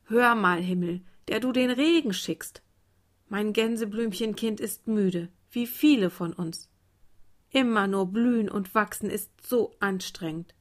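Gentle mother daisy voiced by a woman, earnest, storybook. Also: mid-range voice, a little slow, lightly acted. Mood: pleading.

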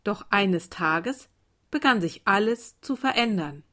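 A woman reading a calm bedtime story aloud in a soft, gentle voice. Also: mid-range voice, slow pace. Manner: calm, soft, turning quieter.

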